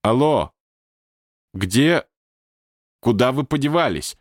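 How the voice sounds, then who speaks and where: A man's voice: sits high, monotone, drawn-out words, fairly bright tone, smooth, no echo, voice pushed up, heavily acted. A man putting on a newly dead male ghost who wails and moans for show, his voice jumping far above its usual depth. The sound is dry and close. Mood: calling out. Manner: wailing theatrically.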